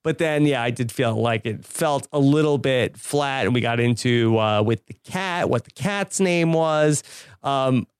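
A man's voice: medium pitch, unhurried, smooth, no echo, studio quality. A man hosting a recap podcast, leading the chat in an easygoing way with hesitant fillers. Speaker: podcast host.

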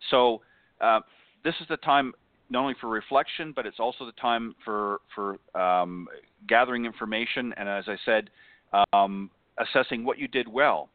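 A man's voice: mid-range voice, moderate pace, no room sound. A man co-hosting a golf show, talking in a rambling way, often restarting and backtracking. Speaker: co-host. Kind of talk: casual chat. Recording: dry, tinny phone-like sound.

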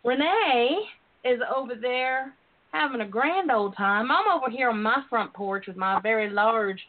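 A woman's voice: a little high, lively intonation, a little slow. A woman with a Southern US accent, talking casually and candidly as a chatty, playful, folksy talk show host. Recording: tinny, phone-like internet radio line.

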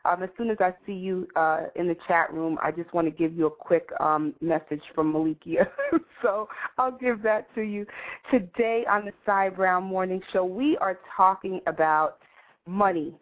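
A woman's voice: fairly low pitch, normal speed. A woman hosting a morning show in a casual, chatty way, addressing listeners familiarly. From New York City, USA. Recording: tinny, phone-like internet radio line.

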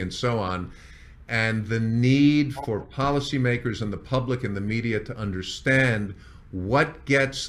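A man speaking as a chief executive and founder, recounting company history in measured executive storytelling, as if addressing staff. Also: fairly low pitch, fairly bright tone.

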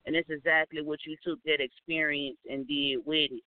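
A man's voice: on the high side, little pitch movement, normal speed, clear, resonant tone, dry recording. A man co-hosting a talk radio show, chatting casually with a guest and encouraging him with frequent murmurs. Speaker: radio co-host. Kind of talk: casual interview chat. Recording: tinny phone line.

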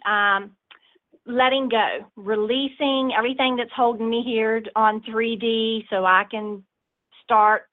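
A woman with a Southern US accent, chatting casually as a caller to a phone-in show. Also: fairly high pitch. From southern United States. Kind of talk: casual chat. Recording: tinny telephone line.

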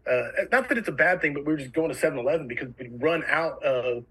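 Man, new jersey accent, podcast guest, rapid and eager, higher voice, husky edge. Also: lively intonation, a bit bright, rough recording. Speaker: fire service instructor, guest. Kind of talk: casual podcast conversation.

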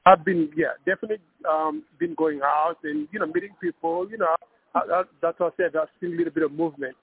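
A man calling in to a radio show over a phone line with a bad connection. He talks casually and haltingly, restarting his sentences and filling gaps with "um" and "you know.". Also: a little high, sing-song, gravelly, slightly rough, no room sound. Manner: halting, with many restarts and fillers. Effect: phone-line caller voice with a poor connection. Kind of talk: casual chat.

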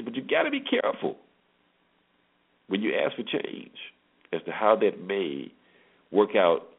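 Over tinny phone-line internet radio audio, a man with a deep voice and vocal fry hosts a sports talk show alone. He keeps it conversational, tossing out rhetorical questions and hammering points home through repetition.

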